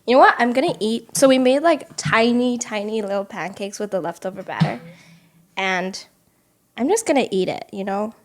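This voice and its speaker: A woman's voice: medium pitch, moderate pace. A young woman co-hosting a casual home podcast, giggly and playful, talking and eating into a close mic at home. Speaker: podcast co-host. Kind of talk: casual chat. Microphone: close podcast mic without shock mount.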